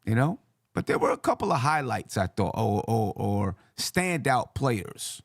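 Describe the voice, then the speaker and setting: A man with a hoarse, yelled-out voice hosts a casual sports commentary, conversational and repeating phrases for emphasis. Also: mid-range voice, sing-song, measured pace, dry recording, clean studio sound. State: hoarse voice from yelling. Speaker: sports show host.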